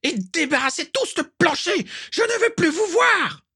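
A man voicing a furious, haughty older witch who screams insults in a shrill, screeching voice. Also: lively intonation, unhurried, bright, forceful tone, exaggerated voice. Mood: screaming.

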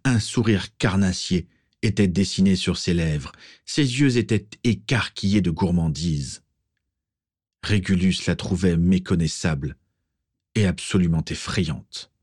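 A man narrating a story as an audiobook, steady and expressive. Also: low-pitched, slightly rough, no room sound, clean studio sound.

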